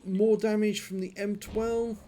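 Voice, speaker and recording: A man's voice: high voice, little pitch movement, unhurried, dark tone, slight background noise. A man commentating on a video game, his speech slurred and clumsy from a numb, frozen jaw. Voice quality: slurred, numb-jawed speech from dental infection.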